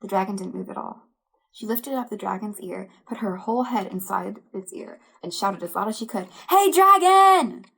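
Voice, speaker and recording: A woman leads a church service by reading a children's storybook aloud with lively, animated delivery. Her voice is gravelly and husky, at a middling pitch. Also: a little fast, rough recording. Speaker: director of religious education.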